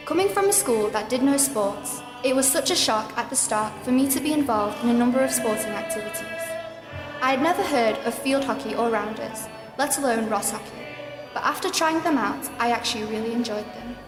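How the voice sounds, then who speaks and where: At a school ceremony, a young South African woman in her late teens, the deputy school captain, reads her prize-day speech from a script in a slightly high voice. She's formal and measured, and the big hall is echoey with background music.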